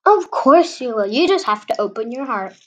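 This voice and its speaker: A woman doing a gentle, reassuring father. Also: fairly high pitch, very animated, normal speed.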